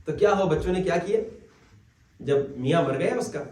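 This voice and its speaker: Earnest male preacher, high voice, roomy distant sound. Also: lively intonation, a little mellow. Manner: storytelling with quoted dialogue, earnest. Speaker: cleric. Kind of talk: religious lecture. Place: Islamic centre hall. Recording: echoey hall, distant mic.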